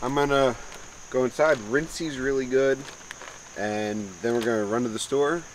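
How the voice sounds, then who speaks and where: A man's voice: mid-range voice, steady tone, moderate pace, slight background noise, low-quality recording. A man with a stuffy, congested nose, casually talking through his cooking step by step in a home kitchen. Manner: laid-back, talks through each step. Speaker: outdoor cooking vlogger. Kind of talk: casual vlog narration.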